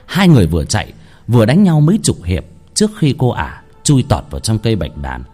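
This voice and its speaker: Man, ghost story narration, dramatic delivery, animated pitch, faint background music. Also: a little fast.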